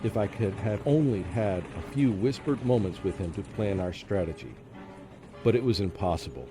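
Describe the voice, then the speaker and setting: A man voices the narrating lead of a radio play: a fearful, tormented professor living under a deadly curse, telling the story in the first person. His fairly low voice has lively intonation, sounding anguished, sometimes halting and sometimes frantic. Music plays prominently beneath him, and the mood is tense suspense.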